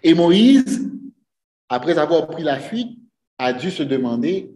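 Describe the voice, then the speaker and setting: Earnest preacher in an echoey church. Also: male voice, on the high side, sing-song, slow, warm tone. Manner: earnest, asks the congregation rhetorical questions. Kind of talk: sermon. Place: church sanctuary.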